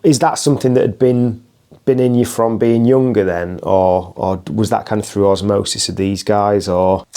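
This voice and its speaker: Man, podcast host, easygoing, roundabout questions, dark mellow tone. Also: fairly low pitch, fairly even intonation, normal speed. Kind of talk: casual podcast interview.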